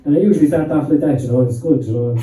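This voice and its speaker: A man's voice: medium pitch, very fast, warm tone. A man in his thirties with a Limerick Irish accent, doing a crude, self-mocking stand-up set and bantering with a pub crowd. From Ireland. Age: 30s. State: slightly out of breath. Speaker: stand-up comedian. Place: pub stage with live audience. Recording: roomy pub sound from a distant mic.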